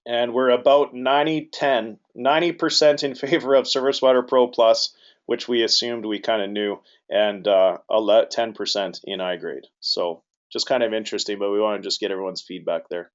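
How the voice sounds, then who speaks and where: A man's voice: fairly low pitch, steady tone, normal speed. Man moderating a webinar, lo-fi sound. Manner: informal, loosely worded. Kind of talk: live webinar hosting. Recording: dull lo-fi audio.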